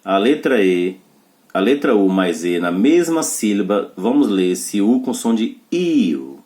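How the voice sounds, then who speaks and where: Teacher, low-pitched male voice. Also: sing-song, measured pace, darkish tone. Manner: explains rules step by step, checks understanding with short tags. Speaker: English teacher. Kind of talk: pronunciation lesson.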